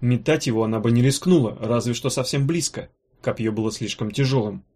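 A man narrating a fantasy novel as an audiobook in a steady, even storytelling manner. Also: medium pitch, a little fast. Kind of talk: scripted narration.

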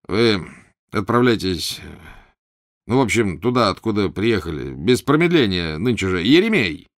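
A man voicing a bored, imperious prince who gives loud, brusque commands. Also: on the low side, big pitch swings, normal speed, dry recording, clean studio sound. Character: bored, imperious male prince, a capricious grandee.

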